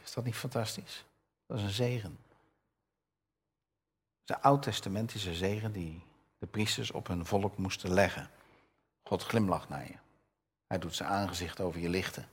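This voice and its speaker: An older man delivers a conversational sermon, reading Bible verses aloud with a raised voice and asking his listeners questions. His voice is lowish and slightly rough.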